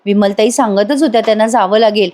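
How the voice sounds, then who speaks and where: A woman reading the lines of a gentle young pregnant wife, soft and caring. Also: medium pitch, fast, lightly acted.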